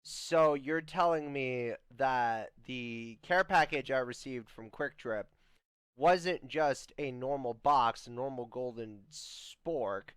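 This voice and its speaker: A man's voice: medium pitch, slow, a bit bright, smooth, dry recording. A young man hosting a comedy podcast skit who stammers, restarts his sentences and slips in puns. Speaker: host.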